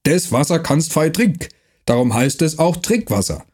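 A man doing a gruff night watchman. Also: fairly high pitch, very animated, normal speed, a little mellow, voice pushed up. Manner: rough, bullying, barking. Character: huge gruff male night watchman, mercenary-like.

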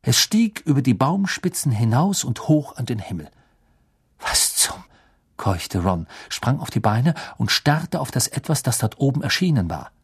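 An audiobook reader narrating a fantasy novel with expressive, dramatic storytelling. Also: mid-range voice, normal speed, hardly any pauses, slightly rough.

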